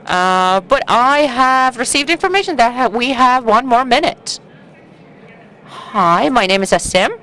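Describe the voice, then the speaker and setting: A woman interpreting live at a conference, in halting phrases that break off mid-sentence. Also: a little high, lively intonation, sharp tone, rough recording.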